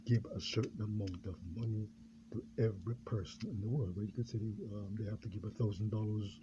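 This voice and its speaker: A man from Jamaica, a pastor, talking in a rambling unscripted monologue, halting and full of fillers and repeated words. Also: lowish voice, fairly even intonation. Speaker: pastor and self-styled candidate. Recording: dull lo-fi recording with clear background noise.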